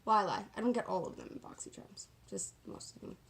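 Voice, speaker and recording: A makeup vlogger does a casual, chatty get-ready-with-me tutorial, talking fast in a sassy, slangy and self-deprecating way. Her voice is medium in pitch and creaky.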